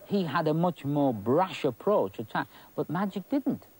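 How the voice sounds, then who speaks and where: An older man reminiscing in an interview, thoughtful and hesitant, often pausing to find his words. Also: fairly high pitch, lively intonation, darkish tone, rough recording.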